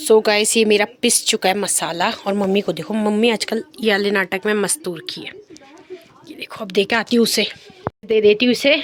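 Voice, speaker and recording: A woman's voice: mid-range voice, fairly even intonation, normal speed. A young woman chatting casually in a home vlog, teasing and talking straight to her viewers. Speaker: vlogger.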